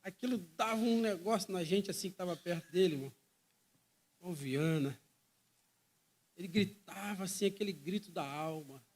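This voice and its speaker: A man's voice: high voice, normal speed, pauses often, darkish tone. A man with a Brazilian Portuguese accent preaching a sermon, fervent and emphatic, often repeating phrases and calling listeners brother.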